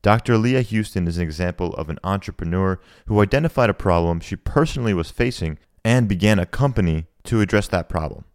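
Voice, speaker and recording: Male podcast host with a deep voice and a dry, close sound; upbeat and conversational. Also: fairly quick, hardly any pauses, clean tone, no echo. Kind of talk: podcast interview.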